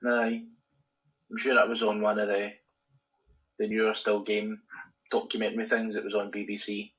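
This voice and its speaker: A man's voice: lowish voice, completely flat delivery, moderate pace, fairly bright tone, lo-fi sound. A Scottish man co-hosting a casual podcast in a laid-back, chuckling way. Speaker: podcast co-host. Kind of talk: casual chat.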